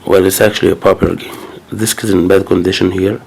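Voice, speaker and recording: Going through a fresh batch of games in a casual unboxing, a man with a cold speaks quickly in a low, gravelly, darkish voice with flat delivery. He hesitates constantly with fillers and restarts, while the rough recording carries a little hiss or hum.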